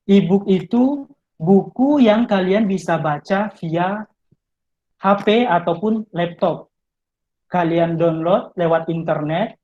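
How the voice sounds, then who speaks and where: A man's voice: on the high side, warm tone, muffled recording. A male English tutor giving study tips in an online talk, explaining step by step and speaking straight to his listeners. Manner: explanatory, addresses listeners directly. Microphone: video call.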